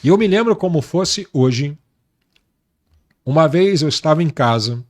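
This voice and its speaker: In an interview, a pastor with a somewhat high, expressive voice tells his faith testimony. He speaks earnestly, slowly and emphatically, repeating words to give his points weight.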